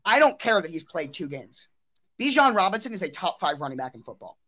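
A man co-hosting a casual sports podcast, eager and quick to quote stats and make bold takes. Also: high-pitched, sing-song, a crowd in the background. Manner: eager, stat-quoting, builds up bold takes. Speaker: podcast co-host.

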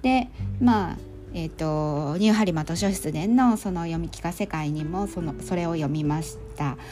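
Chatty Kansai woman with a mellow voice. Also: on the low side, moderate pace, faint music behind. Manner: chatty, many fillers, relaxed Kansai phrasing. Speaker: storytelling volunteer and podcast host. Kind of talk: casual monologue recap.

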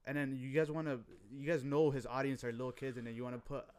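A man's voice: medium pitch, steady tone, fast talker, a little mellow. A man co-hosting a podcast, bantering casually in slang, emphatic and repeating himself. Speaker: podcast co-host.

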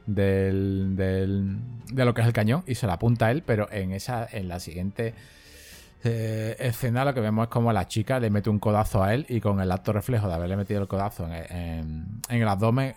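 A man co-hosting a podcast, chatting about a film in a halting way and ending phrases with tag questions. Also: fairly low pitch, darkish tone. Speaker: podcast co-host. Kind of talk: casual film discussion.

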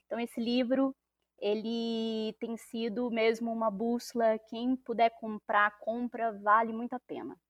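Female guest, slightly high voice, didactic and list-like, dry close mic. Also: little pitch movement, dry recording, dull audio. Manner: explanatory, lists points with filler pauses. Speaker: podcast guest. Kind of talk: casual podcast conversation.

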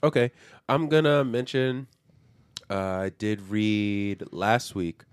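A young man co-hosting a podcast, recapping a comic in casual chat, animated and swearing, acting out the characters as he goes. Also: mid-range voice, slow, clean tone, dry recording. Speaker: podcast co-host.

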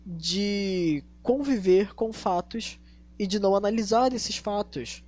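A Brazilian man hosting a casual monologue to his listeners, speaking with a tongue-tied, slushy s and deliberate, repetitive phrasing. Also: high voice, darkish tone. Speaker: podcast host. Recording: dull lo-fi audio, faint hum.

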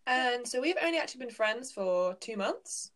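A woman co-hosting a casual podcast, talking in an earnest, reflective, soft-spoken way with some ums and likes. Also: on the high side, lively intonation, normal speed. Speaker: podcast co-host. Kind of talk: casual chat.

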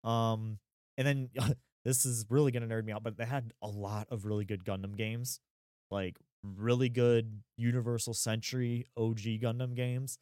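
A man's voice: medium pitch, level tone, moderate pace, darkish tone, no echo. Casting: man, 30s, laid-back podcast co-host, rambly and chatty, close dry mic. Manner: rambling, lots of fillers and laughs. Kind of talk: casual chat.

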